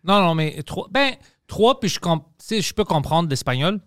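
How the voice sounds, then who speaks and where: A man's voice: high voice, normal speed, dry recording, studio quality. Greek-accented man, playful podcast host. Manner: playful, laughs often, animated bursts. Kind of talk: casual chat.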